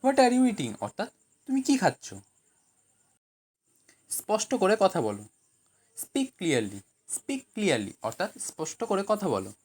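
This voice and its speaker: Woman teaching translation with lively pitch. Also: slow pace, pauses often, breathy edge. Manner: reads each sentence in Bengali, then English, then explains. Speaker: language teacher. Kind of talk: scripted translation lesson.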